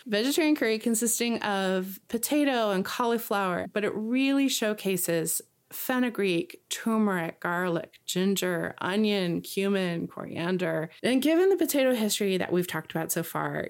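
Enthusiastic woman podcast host narrating food history. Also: medium pitch. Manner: enthusiastic, savoring lists of ingredients.

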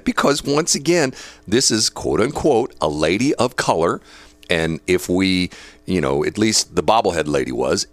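A talk show host with a low voice reads news items aloud, his pitch moving animatedly up and down. He drops in opinionated asides and chuckles between points, in casual talk radio commentary recorded close and dry in a studio.

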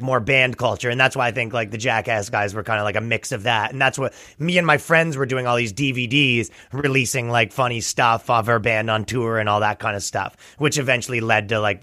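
A man from Canada with a raspy, gravelly voice, chatting casually as an interview guest. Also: mid-range voice, sharp tone, dry recording, clean studio sound. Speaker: comedian and musician, interview guest.

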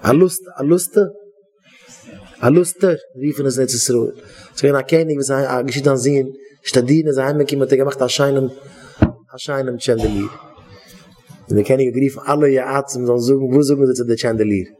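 A man's voice: medium pitch, fairly even intonation, a little fast, mellow. Rambling man giving a Yiddish sermon. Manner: rambling, repeats himself, searches for words. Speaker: rabbi giving a talk.

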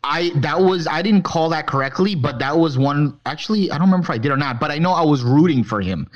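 A man's voice: on the high side, expressive, fast, muffled recording. A man co-hosting a podcast, chatting casually about film and talking in rambling, profane bursts full of restarts. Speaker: podcast co-host.

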